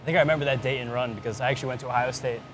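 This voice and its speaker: At a spring training ballpark, a man hosts an on-location podcast interview, asking questions in an upbeat, conversational way. His medium-pitched voice is steady and a bit bright, moving at a racing pace over faint background ambience.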